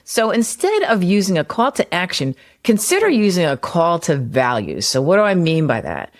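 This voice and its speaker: A former personal trainer turned copywriter hosts a solo podcast, discussing marketing ideas conversationally and grounding them in everyday examples. Her voice is fairly low and very animated, at a moderate pace.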